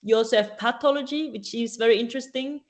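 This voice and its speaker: A woman answering questions at a student AI event, talking casually and often pausing with ums and restarting her sentences. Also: fairly high pitch. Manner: hesitant, many ums and restarts.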